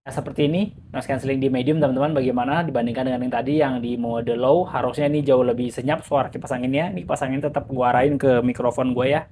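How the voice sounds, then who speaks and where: Casual male reviewer, fan blowing straight into his mic, loud whir behind. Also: mid-range voice, fairly even intonation, fast talker, few pauses, a little hiss or hum. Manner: chatty, addresses viewers directly. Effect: speaking with an electric fan blowing into the mic. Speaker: gadget reviewer. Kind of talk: casual product demo. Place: indoors in a room.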